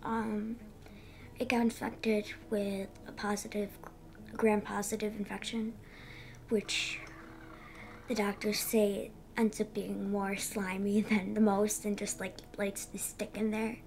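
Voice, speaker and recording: A thirteen-year-old girl giving a candid personal interview in halting, youthful casual phrasing. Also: mid-range voice, level tone, a little mellow. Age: 13, young teenager. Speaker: interviewee, young patient.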